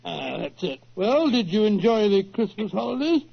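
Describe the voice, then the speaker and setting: An actor playing a genial, fussy elderly English doctor and storyteller with a British accent, avuncular and bumbling, in 1940s radio drama style. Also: male voice, high-pitched, very animated, normal speed, creaky, heavily acted. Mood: genial, narrating. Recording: muffled old radio recording.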